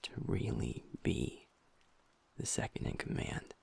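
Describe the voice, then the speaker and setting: Playing a gentle young werewolf boyfriend who is normally upbeat but currently downcast, a man speaks softly and close to the mic in an intimate audio roleplay. His delivery is lightly acted and often half-whispered, vulnerable and confiding, with pauses and restarts.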